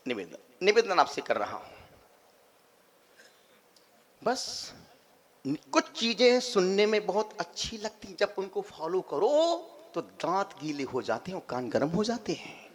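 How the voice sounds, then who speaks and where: A man, a monk, gives a lively sermon, repeating phrases, swinging between loud and soft, and acting out everyday scenes for humour. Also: sits high, measured pace. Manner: humorous, acts out everyday scenes. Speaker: Jain monk giving a discourse.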